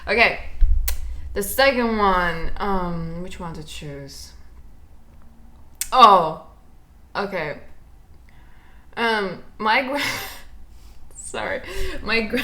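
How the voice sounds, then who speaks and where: A woman's voice: mid-range voice, pushed and bright. A young woman co-hosting a casual chat, reading confessions aloud and breaking into giggles. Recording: echoey room.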